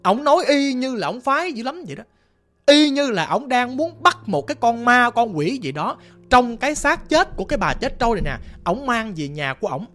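Animated Southern Vietnamese ghost storyteller. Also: mid-range voice, brisk. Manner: animated, dramatic, talks directly to the listener. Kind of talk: casual oral storytelling. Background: faint music.

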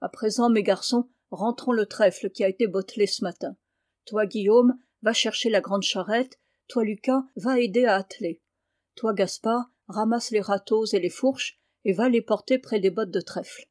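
Stern peasant father, commanding, voiced by a woman reader, mid pitch. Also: normal speed, a little mellow, dry recording, studio quality, lightly acted.

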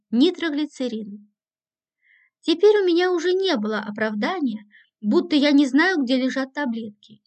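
A woman reading a first-person audiobook with a dry, ironic manner. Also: high-pitched. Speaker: audiobook narrator.

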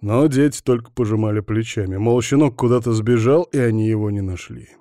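Low, mellow male audiobook narrator. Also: brisk, no room sound, clean studio sound. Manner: gruff, teasing. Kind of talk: first-person audiobook narration.

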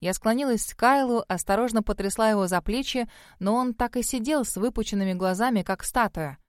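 A woman reader giving scripted first-person audiobook narration in an even storytelling manner. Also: fairly high pitch, a little fast, no echo, studio quality.

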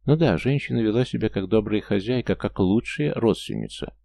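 A man's voice: on the low side, expressive, brisk, vocal fry, mellow, no echo. A man narrating a first-person story in a dry, wry manner. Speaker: audiobook narrator.

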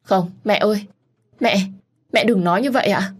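A woman's voice: fairly low pitch, fairly quick, darkish tone, husky. A woman voicing a grief-stricken young pregnant woman who pleads through tears, in a storybook reading. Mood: pleading, sobbing. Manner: sobbing, pleading.

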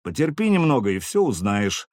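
A man voicing a cool-headed male knight who speaks quietly and with measured menace. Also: medium pitch, big pitch swings, no room sound, clean studio sound, close to an everyday voice.

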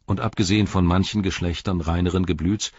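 A man narrating a story in calm, even storytelling. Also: sits low, brisk, slightly rough, dry recording, highs cut off. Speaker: audiobook narrator. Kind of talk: scripted narration.

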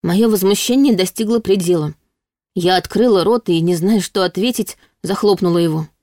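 A woman narrating a first-person audiobook with an expressive reading. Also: medium pitch, normal speed, no echo, studio quality. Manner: expressive reading, voicing indignant quotes.

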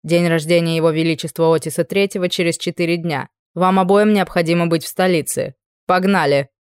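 A woman's voice: fairly low pitch, fairly even intonation, a little fast, clear, resonant tone, dry recording, clean studio sound, lightly acted. A woman voicing a cold, steely male envoy of the king, giving clipped commands.

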